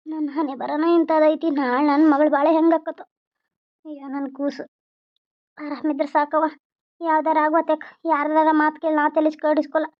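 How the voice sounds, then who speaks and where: A woman's voice: high-pitched, flat delivery, moderate pace, natural voice. A woman voicing a sad young new mother with a North Karnataka Kannada accent, speaking plaintively. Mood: lamenting. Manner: plaintive, lamenting. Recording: dull lo-fi recording.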